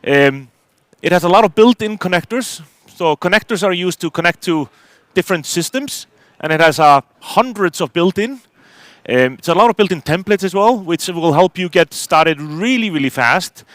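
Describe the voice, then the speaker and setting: Middle-aged man, conference talk on stage, fairly high voice, dry close sound. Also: expressive, normal speed, fairly bright tone, dry recording. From Iceland. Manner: hesitant, many fillers and restarts. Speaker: conference speaker.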